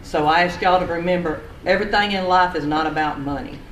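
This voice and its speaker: A man speaking for a local hospital at a county meeting, earnest and steady with a faith-minded tone. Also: a little high, a little fast. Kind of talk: closing public remarks. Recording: echoey hall, distant mic, faint hiss.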